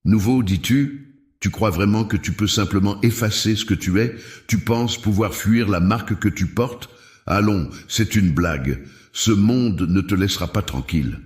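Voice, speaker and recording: A man voicing a scornful male former companion from a dark past, with a sharp, mocking tone. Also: fairly low pitch, normal speed, lightly acted. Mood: cold, mocking. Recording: roomy echo.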